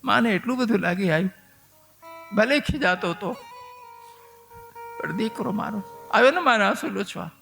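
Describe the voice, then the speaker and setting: A man narrating a devotional sermon, often exclaiming with feeling. His voice sits high and rings bright. Soft music plays faintly behind him. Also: lively intonation, normal speed, gravelly, long pauses. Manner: emotive, exclaiming. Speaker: devotional storyteller.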